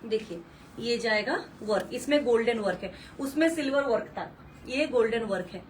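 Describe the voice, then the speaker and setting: A woman's voice: a little high, expressive, moderate pace, distant mic, slight background noise, low-quality recording. A woman hosting a live saree sale, gushing and repeating color names, mixing English words into Hindi. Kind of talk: live-stream sales pitch.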